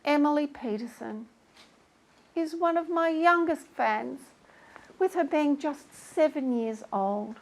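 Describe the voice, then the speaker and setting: A vain, self-adoring talk-show host, as a woman acts her out, with a high, sugary voice that drags out each phrase. She gushes and pities herself in a grand, theatrical way for comic effect. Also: slow pace. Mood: mock-tearful. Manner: theatrical, syrupy and self-pitying. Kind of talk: comic sketch acting.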